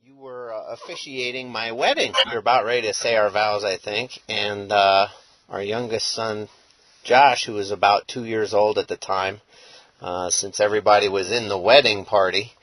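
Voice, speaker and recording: A man recalls a fond memory in a tribute to a retiring friend, pausing on fillers as he goes. His voice is bright and recorded close and dry. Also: fairly low pitch, steady tone, dry recording, low-quality recording. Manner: storytelling with hesitant fillers. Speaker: tribute speaker, groom at past wedding. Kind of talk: anecdotal tribute.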